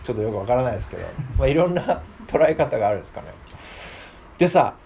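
A Bible class teacher leads a casual, interactive lesson, lively and frequently questioning his listeners. He talks very fast in a medium-pitched voice with vocal fry, over a little hiss or hum.

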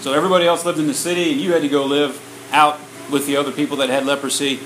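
A man delivers a sermon in short chunks, retelling it in a plain, conversational way with a slightly high voice. The room is roomy and echoes around him. A faint air-conditioner hum runs underneath. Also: little pitch movement, a little fast, a bit bright. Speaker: preacher. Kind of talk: sermon storytelling, paused for interpretation.

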